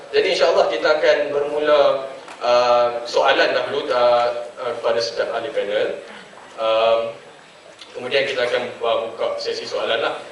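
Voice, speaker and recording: A man's voice: mid-range voice, fairly bright tone, distant mic, slight background noise. A young man from Penang with a Penang Malay accent moderating a student forum, hesitant with many fillers and light jokes. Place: large echoing hall. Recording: echoey hall, voice from afar.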